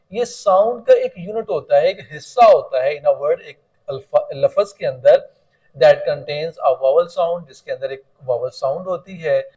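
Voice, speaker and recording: A man teaching a lesson online. He reads each line slowly and then explains it quickly in Hindi-Urdu. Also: a little high, darkish tone, rough recording. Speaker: English teacher.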